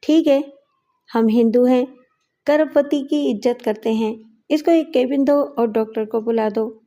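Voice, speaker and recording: A woman's voice: fairly high pitch, mellow, natural voice. A woman voicing a man who is an armed gang henchman, insistent and nagging.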